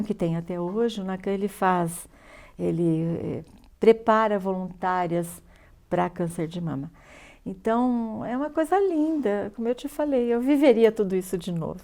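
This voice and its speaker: An older woman with a Brazilian Portuguese accent speaks as an interview guest. She tells a personal story in a lively way and acts out each line of dialogue. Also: medium pitch.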